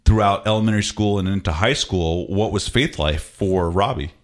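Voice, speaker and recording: A man's voice: low voice, moderate pace. A man hosting a radio fundraiser, upbeat and chatty, repeating the call-in number and interviewing guests in the studio. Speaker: radio host.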